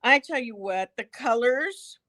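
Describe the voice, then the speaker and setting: A woman's voice: on the high side, animated, unhurried, pushed and bright. Chatty, giggly middle-aged woman shop host. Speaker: quilt store host. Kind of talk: casual live product show.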